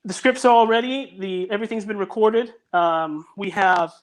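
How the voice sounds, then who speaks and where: The recording is rough, capturing a man with a high-pitched voice speaking at a normal speed. As an audio drama producer guesting on an informal video-call podcast, he talks earnestly and keeps restarting his sentences.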